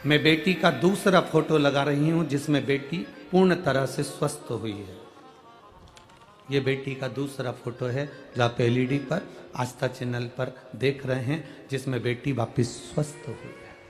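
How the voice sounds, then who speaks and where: A male preacher delivers a devotional sermon into a stage microphone before a huge crowd, speaking in a medium voice. He reads a letter aloud and talks straight to the listeners, his voice rising and growing louder on emotional words. Soft devotional music plays faintly behind him. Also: mid-range voice, unhurried. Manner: emotive, swells loud on key words, addresses the crowd directly. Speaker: kathavachak preacher. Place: large crowded outdoor religious gathering.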